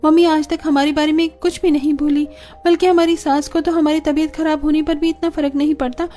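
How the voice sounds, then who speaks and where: A woman voicing a group of emotional young married daughters in an animated story, pleading and tearful by turns. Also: high voice, brisk, voice pushed up, lightly acted. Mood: eager.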